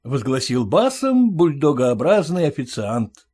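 A man reading a story aloud in an expressive storytelling way. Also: medium pitch, measured pace, breathy edge. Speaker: reader. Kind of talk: audiobook narration.

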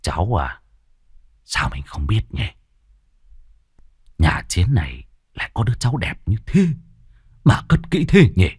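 A man voicing a gruff, greedy old moneylender. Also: sits low, animated, slow, sharp tone, dry recording, studio quality, heavily acted. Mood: leering. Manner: gruff, cursing, muttering. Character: greedy lecherous rich old male village moneylender.

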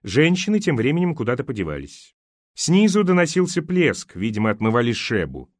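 A man reading a spy novel aloud as an audiobook narrator, with expressive, acted delivery. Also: mid-range voice, fairly quick, dry recording, studio quality. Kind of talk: scripted narration.

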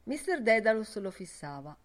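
A woman narrating a literary audiobook with an expressive, measured reading. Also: mid-range voice. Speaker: audiobook reader.

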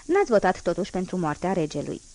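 A woman's voice: fairly low pitch, sing-song, darkish tone. A woman voicing a stern, reproachful elderly male bishop in an audiobook, her tone lifting as he chides.

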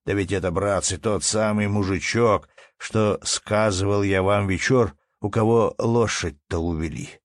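A man's voice: on the low side, unhurried, hardly any pauses, dry recording, clean studio sound, lightly acted. A man doing a jovial, sly peasant.

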